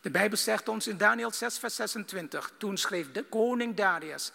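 Fervent male preacher, high gravelly voice, husky edge, recorded in a big reverberant hall. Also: lively intonation, normal speed. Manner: fervent, swinging from loud bursts to hushed lines. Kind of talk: sermon.

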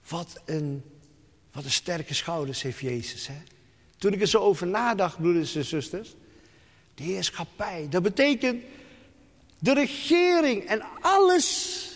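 A man preaching a sermon to his congregation, slow and emphatic, falling to soft, hushed tones. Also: fairly high pitch, in a large hall.

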